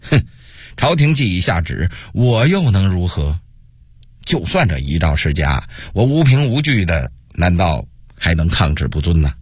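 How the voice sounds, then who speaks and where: A man's voice: deep voice, sing-song, unhurried, husky, dry recording, studio quality, full character voice. A man voicing a proud, cautious middle-aged prince who speaks in an indignant, sometimes stammering way.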